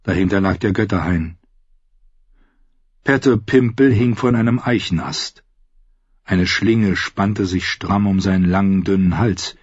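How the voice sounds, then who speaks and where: A man narrates a fantasy story in an even, steady manner with a husky voice. The recording is dry, close and dull, somewhat lo-fi. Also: deep voice, unhurried, long pauses, no room sound. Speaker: audiobook reader.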